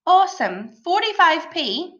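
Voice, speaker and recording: A woman teacher presenting a children's lesson like a kids show host, encouraging and full of praise, asking questions and pausing for answers. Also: extremely high pitch, very animated, a bit bright, lo-fi sound. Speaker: primary school maths teacher.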